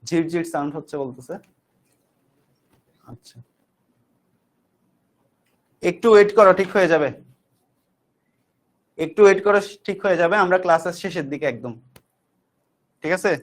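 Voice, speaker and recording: A man's voice: on the high side, normal speed, pauses often. A man teaching an online physics class, repeating each definition and checking whether students follow. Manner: talks to students directly and warmly checks understanding.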